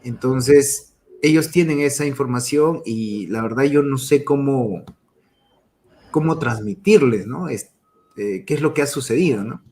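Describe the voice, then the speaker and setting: A man's voice: mid-range voice, unhurried, darkish tone. A man giving a motivational talk on emotions in business, telling stories and tagging his phrases with a questioning "¿no?". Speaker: network marketing speaker.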